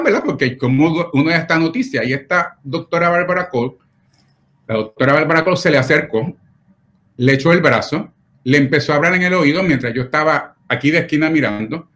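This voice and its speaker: A middle-aged pediatric nephrologist from Puerto Rico shares personal stories in an interview, speaking with a slightly raised, somewhat bright pitch. He tells them earnestly and with visible feeling, often checking in through short tag questions.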